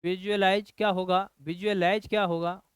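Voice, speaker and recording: A man's voice: high-pitched, little pitch movement, normal speed, smooth, dry recording. A man teaching a nursing lecture who repeats key phrases and keeps asking his class rhetorical questions. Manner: addresses students as children. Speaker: nursing coach.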